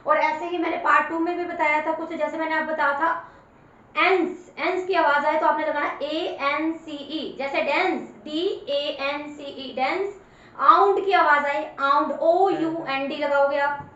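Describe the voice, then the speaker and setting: Woman teacher, high voice, spells words letter by letter and repeats them; recorded far from the mic with a dull tone. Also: fairly even intonation, moderate pace, fairly bright tone. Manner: patient, repeats each word for the learner. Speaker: English teacher. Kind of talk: spoken spelling lesson. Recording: very echoey room, far from mic, dull sound.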